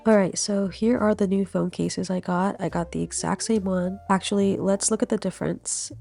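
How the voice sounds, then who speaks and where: A young vlogger with a cold sounds stuffy and nasal in her casual voiceover narration, recorded on a studio voiceover mic over music. Her medium-pitched voice is creaky and steady at a moderate pace, and she stays chatty and easygoing, laughing as she talks.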